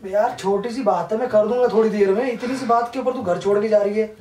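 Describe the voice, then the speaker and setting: A man's voice: sits high, fairly even intonation, quick pace, a little mellow. A husband pleading and placating his angry wife during an argument at home. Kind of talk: defensive argument. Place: home bedroom. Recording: echoey room, far from mic, music behind.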